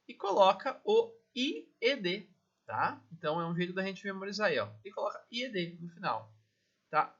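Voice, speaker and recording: A man's voice: sits high, bright, forceful tone, highs cut off. A Brazilian man teaching English grammar step by step, checking in with his class after nearly every phrase. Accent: Brazilian Portuguese. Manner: explains step by step, checks in with "tá?" and "né?" constantly. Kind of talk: recorded grammar lesson.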